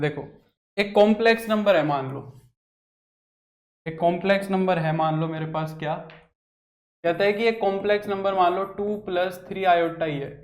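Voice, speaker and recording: High-voiced male maths teacher. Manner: repetitive, asks students questions and answers them himself. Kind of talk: classroom lecture at a board.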